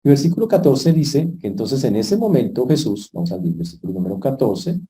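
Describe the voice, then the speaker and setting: Animated pastor with dark voice. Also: male voice, mid-range voice, brisk. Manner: animated storytelling, sudden loud peaks and soft asides. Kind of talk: sermon.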